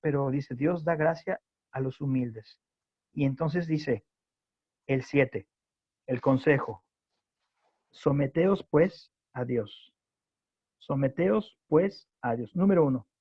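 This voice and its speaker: Impassioned husky Mexican pastor preaching. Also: male voice, a little high, no room sound. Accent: Mexican Spanish. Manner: impassioned preaching, rising to near-shouts when quoting scripture. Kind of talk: sermon at a home group. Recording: dull, dry lo-fi sound.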